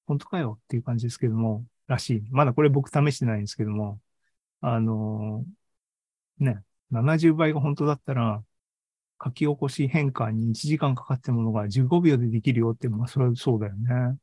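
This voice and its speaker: A man presenting an online AI seminar and podcast gives an informal tech talk indoors over a live video meeting, thinking aloud. He's conversational and keeps seeking agreement with tags at the ends of sentences. His voice is mid-range, brisk, darkish and slightly rough, in a dry recording.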